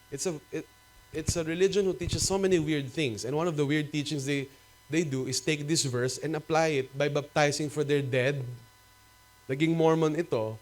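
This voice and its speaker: Animated Filipino pastor preaching. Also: male voice, a little high. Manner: animated, rhetorical preaching that mixes Tagalog and English. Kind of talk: sermon. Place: cinema used as a church hall.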